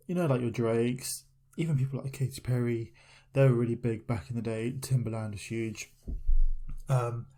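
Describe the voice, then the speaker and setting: A man's voice: mid-range voice, warm tone. A young man hosting a podcast, rambling casually with lots of fillers as he talks. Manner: rambling, filler-heavy, loose storytelling. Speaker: podcast host. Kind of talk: casual solo podcast chat.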